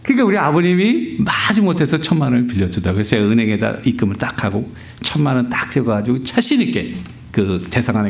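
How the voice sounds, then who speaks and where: Lively middle-aged man preaching with humor. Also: mid-range voice, creaky. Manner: humorous, animated anecdote-telling, laughs often. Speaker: pastor. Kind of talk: storytelling sermon. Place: church sanctuary. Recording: roomy church reverb.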